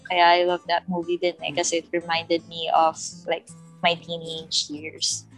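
Young woman podcast cohost, lowish voice, chatty and laughing a lot, soft music under it. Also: completely flat delivery, unhurried, poor audio. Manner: reminiscing, laughs often, mixes English into Tagalog. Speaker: podcast co-host. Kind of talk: casual chat.

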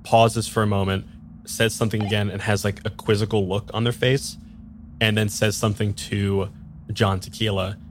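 A man's voice: lowish voice, flat delivery, normal speed, a little hiss or hum. Laid-back man running a tabletop game. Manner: loose, filler-heavy description. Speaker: game master.

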